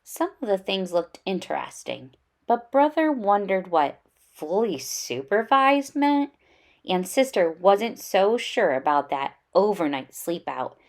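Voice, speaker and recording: A woman reads a children's storybook aloud at a slow, unhurried pace. Her pitch rises and falls in a lively way, and she reads expressively, stressing key words.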